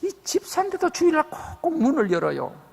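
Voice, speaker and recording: A male pastor preaching a revival sermon, telling stories dramatically and acting out the voices of the people in them, swinging from loud to hushed. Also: very high voice, wildly swooping pitch, a little fast, vocal fry. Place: large church sanctuary. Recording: church hall with long reverb.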